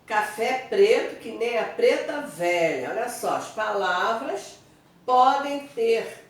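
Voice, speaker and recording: A woman's voice: on the high side, expressive, takes it slowly. A woman teaching Portuguese grammar in an online review lesson, explaining step by step and checking in with her students. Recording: very echoey room, voice from a distance.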